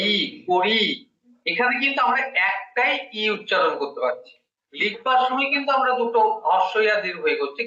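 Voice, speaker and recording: Tutoring a single student in Bengali grammar, a man walks through each step and tests him with questions, his high voice sounding pushed and bright. It's captured from afar in a dull room with echo.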